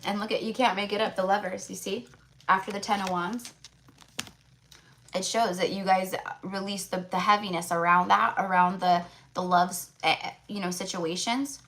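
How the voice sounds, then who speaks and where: A woman's voice: medium pitch, fairly even intonation, moderate pace, fairly bright tone, slight background noise. A woman hosting a live tarot reading in a casual, rambling way, repeating phrases for emphasis and often checking in with listeners. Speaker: tarot reader, livestream host.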